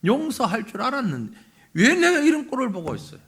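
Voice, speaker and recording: A man's voice: very high voice, wildly swooping pitch, brisk, fairly bright tone, exaggerated voice. A pastor voicing a resentful grown male prophet who whines and complains petulantly to God. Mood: sulky.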